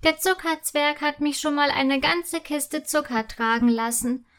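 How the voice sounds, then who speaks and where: A woman voicing a small, cheerful female candy cane with a high voice, kind and helpful. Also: measured pace, fairly bright tone.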